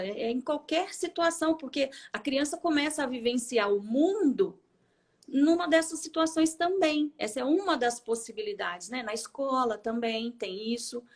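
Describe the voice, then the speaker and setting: A woman with a Brazilian Portuguese accent, co-hosting a casual chat and explaining parenting tips, often adding tag questions. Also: high voice. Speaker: co-host giving parenting tips.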